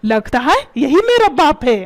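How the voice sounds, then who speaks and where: A woman's voice: high voice, big pitch swings, measured pace. A woman voicing a scolding cartoon dad. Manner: scolding, repeats insults. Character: scolding middle-aged father, short-tempered. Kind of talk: Hindi cartoon voice acting. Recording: loud background music.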